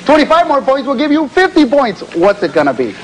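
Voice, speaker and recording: A man's voice: very high voice, huge pitch swings, fairly quick. A man hosting a game show with playful banter, recorded in a television studio. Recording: noisy TV studio with audience.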